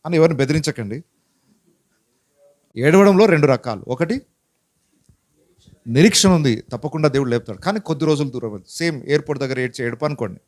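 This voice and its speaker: A pastor preaching a Bible-teaching sermon in a conversational way, asking many rhetorical questions and mixing in English words. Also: male voice, fairly high pitch, fairly quick, long pauses, darkish tone. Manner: mixes English words into his speech.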